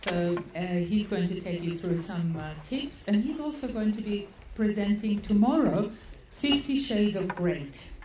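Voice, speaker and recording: An Australian woman organizing an event opens a seminar in a conference hall with chatty remarks introducing the speakers, laughing often and using lots of fillers. Her medium-pitched, dark-toned voice is expressive and unhurried with few pauses, picked up far from the mic in a noisy, echoey hall.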